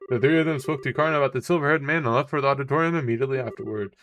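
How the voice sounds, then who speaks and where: A man's voice: mid-range voice, very fast, a bit bright, faint music behind. A man giving casual video game commentary and reading text aloud as a let's play host.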